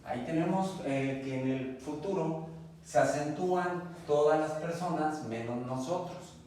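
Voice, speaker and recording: A male teacher walks a class through verb forms one at a time, in an unhurried, measured way. His voice reaches the mic from across the room, with a lot of echo. A faint hiss of noise sits under the recording. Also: a little high, a little mellow, far from the mic. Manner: patient, spells out each form step by step. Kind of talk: slow classroom grammar lesson. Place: classroom at a board.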